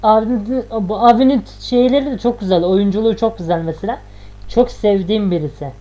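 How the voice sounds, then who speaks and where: A man's voice: sits high, a little fast, over loud music, poor audio. A man hosting a reaction video, chatting casually, laughing and singing along to clips. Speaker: YouTube reaction host.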